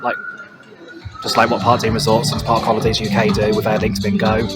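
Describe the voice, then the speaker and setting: A man's voice: fairly low pitch, completely flat delivery, a little fast. A man making casual remarks as a player at a bingo game. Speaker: bingo player giving commentary. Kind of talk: casual chat, remarks while playing. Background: loud music.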